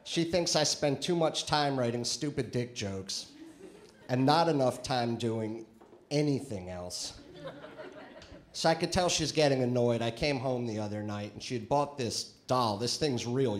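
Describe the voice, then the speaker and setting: A man's voice: medium pitch, normal speed. A male stand-up comedian performing a conversational set with crude punchlines on a comedy club stage, into a handheld mic.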